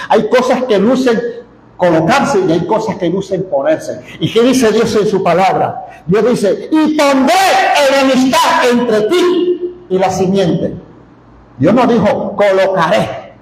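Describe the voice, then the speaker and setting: A man's voice: high-pitched, reverberant, a little hiss or hum, rough recording. A man from Colombia preaching a sermon as pastor, folksy and joking, with emphatic repetitions.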